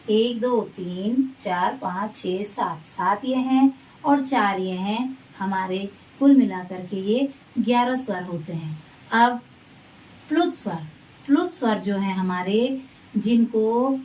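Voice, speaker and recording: A woman teacher giving a grammar lesson to children, reciting letters and definitions slowly and patiently. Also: mid-range voice, mellow, recorded from a distance, poor audio.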